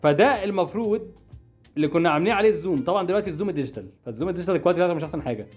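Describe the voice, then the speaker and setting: A man's voice: high voice, animated, a little mellow, soft background music. A young man with an Egyptian Arabic accent, chatting casually while unboxing and reviewing cheap gadgets, joking and puzzling over what he finds. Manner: rapid, chatty, jokey and puzzled. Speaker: product-review vlogger.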